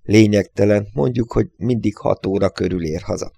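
Teasing puzzle guy, read by a man, gravelly low voice, dry close sound. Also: mellow, dry recording. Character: male friend, puzzle-setter, teasing.

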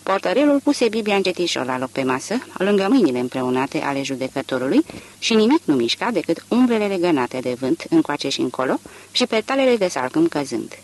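A man narrating a literary audiobook in an expressive, varied storytelling manner. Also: on the high side.

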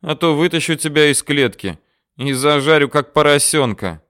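A man voicing a brutish, loud male cannibal jailer who barks mocking threats. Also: fairly high pitch, animated, moderate pace, clean tone, no echo, clean studio sound, pitched above the performer's own voice. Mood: menacing, shouting.

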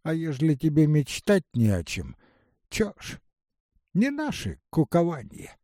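A man's voice: fairly high pitch, huge pitch swings, unhurried, warm tone, dry recording, clean studio sound, heavily acted. A man doing a touchy, dreamy old woman. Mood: earnest. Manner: earnest, plaintive, musing.

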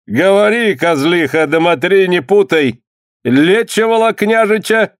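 A man's voice: high-pitched, expressive, unhurried, no room sound, studio quality, pitched above the performer's own voice. A man voicing a cruel boyar who interrogates a prisoner, issuing commands in a sneering tone. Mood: stern. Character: cruel stern male boyar interrogator, mocking.

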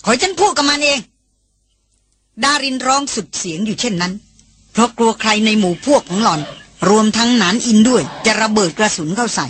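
A woman reading an adventure novel aloud as an audiobook in a steady, measured storytelling voice. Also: medium pitch, a little hiss or hum. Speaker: audiobook reader. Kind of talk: scripted narration.

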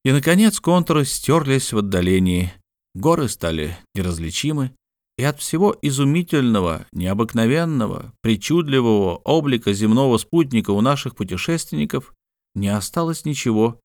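A man reading an adventure novel aloud in steady, descriptive scripted narration. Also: mid-range voice, normal speed, dry recording, clean studio sound. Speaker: audiobook reader.

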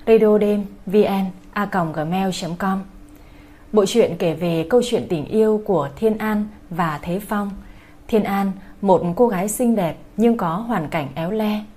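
A woman's voice: medium pitch, warm tone. A woman host giving a polite, formal scripted introduction to an audiobook for her listeners. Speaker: channel host.

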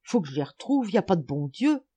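A woman voicing a rowdy, excitable peasant schoolboy who shouts and swears in coarse rural slang. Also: lowish voice, a little fast, slightly rough. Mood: gruff.

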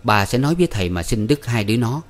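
A man reading a story aloud as narrator in a steady, even manner. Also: mid-range voice, fast talker. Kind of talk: audiobook narration.

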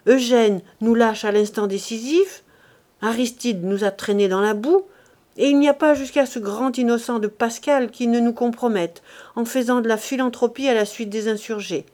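A woman voicing a cowardly middle-aged husband who shouts and blames everyone in a panic. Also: on the high side, normal speed, natural voice. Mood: furious. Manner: shouting, blaming, frantic.

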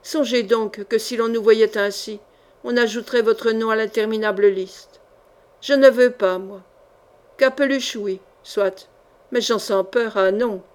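A haughty queen speaks with cold scorn and fierce pride in a fairly high voice, as a woman reading an audiobook puts her on. She sounds proud and passionate, looking down on everyone around her. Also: fairly even intonation, a little slow, natural voice. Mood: commanding.

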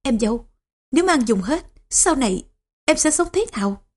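Woman reading a hurried, anxious eldest son. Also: sits high, very animated, darkish tone, slightly rough, full character voice. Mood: urgent. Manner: hurried, urgent.

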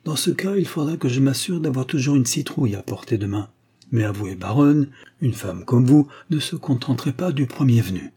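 A man's voice: medium pitch, animated, normal speed, dark tone, husky, voice pushed up. A man reading a witty young count. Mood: teasing. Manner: playful, ironic banter.

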